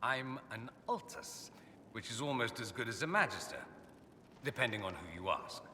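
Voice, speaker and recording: A man voices a witty, self-assured foreign aristocrat mage in fantasy video game dialogue, his very bright, crisp voice suave, theatrical and sardonic with swooping pitch. He sounds lofty and amused, speaking at a moderate pace. The sound echoes through a hall over faint ambient noise.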